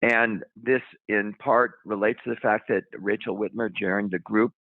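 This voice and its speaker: A man giving an academic presentation over the phone, halting, with many ums and restarts. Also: lowish voice, fairly even intonation, dry recording. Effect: heard over the phone. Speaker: research center director presenting. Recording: tinny phone line, dry.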